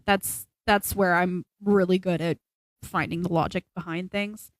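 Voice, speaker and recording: In a lowish voice, a little slow and fairly even in intonation, a young adult podcast co-host chats casually, rambling, opinionated, and emphatic. There's no room sound, but the audio quality is poor.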